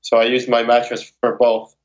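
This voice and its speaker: A man's voice: medium pitch, monotone, moderate pace, dull audio, a little hiss or hum. A young man born in Moscow and raised in Ukraine and Las Vegas, answering interview questions in a loose, rambling way with many fillers and restarts. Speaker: guest, circus straps performer.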